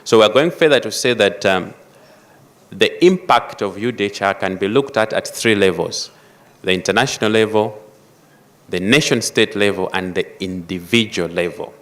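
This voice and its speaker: A man delivers a formal conference address in a somewhat low voice. He speaks in a measured way, pausing to stress key phrases with deliberate emphasis. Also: fairly bright tone. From Malawi. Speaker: panel speaker.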